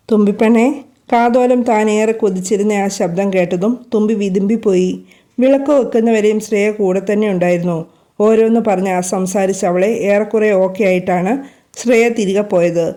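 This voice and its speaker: Mellow-voiced woman storyteller. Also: medium pitch. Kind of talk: scripted storybook narration.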